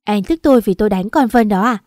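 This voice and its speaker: A woman's voice: mid-range voice, fast talker, dry recording, studio quality, lightly acted. A woman voicing an angry, jealous young wife who accuses her husband. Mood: furious. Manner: shouting, accusing.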